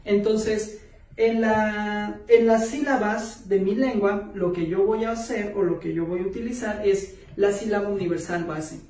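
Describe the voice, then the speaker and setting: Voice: mid-range voice, steady tone, unhurried, warm tone. A course instructor giving an online video lesson step by step, with many filler words and words restarted mid-sentence. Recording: roomy echo, voice distant from the mic.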